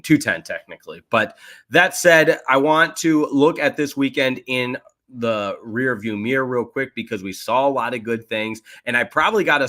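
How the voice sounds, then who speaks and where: A young man with a fairly low-pitched voice hosts a solo sports podcast, recapping the weekend's games. He's animated and self-deprecating, tossing in quick asides.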